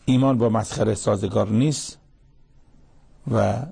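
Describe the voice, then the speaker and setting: A man delivers a sermon, explaining Quranic verses line by line. His voice is heavily gravelly and husky, with a dark, mellow color. He grows animated when he acts out quotes. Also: lowish voice. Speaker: preacher.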